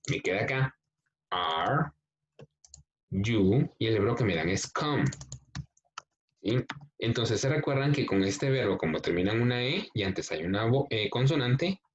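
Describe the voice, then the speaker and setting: A male English teacher, explaining a workbook lesson slowly, step by step, and reading the exercises aloud. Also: fairly low pitch, slight background noise. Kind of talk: recorded class explanation. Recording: dull lo-fi recording.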